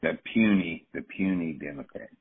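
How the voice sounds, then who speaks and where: Male discussion commentator, low husky voice, opinionated casual delivery, narrow-band audio. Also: moderate pace. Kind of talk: casual interpretive political chat.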